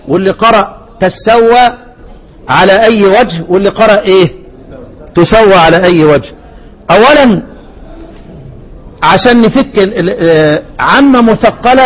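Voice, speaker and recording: An Egyptian sheikh lectures on recitation in a notably high voice for a man. He keeps tossing rhetorical questions at his class and repeats each word form over and over as a drill. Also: rough recording. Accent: Egyptian Arabic. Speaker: sheikh teaching Quran recitation.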